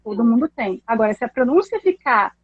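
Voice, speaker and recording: High-voiced woman teaching animatedly. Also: brisk, husky, no room sound, narrow, tinny audio. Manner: animated, explanatory, laughs often. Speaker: English teacher co-hosting. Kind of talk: casual teaching chat.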